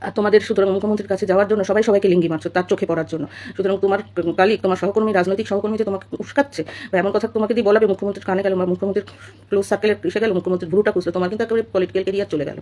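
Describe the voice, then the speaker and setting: Rapid-fire scolding woman. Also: medium pitch, fairly even intonation, mellow. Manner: scolding, full of rhetorical questions. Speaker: social commentator. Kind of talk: casual opinion monologue.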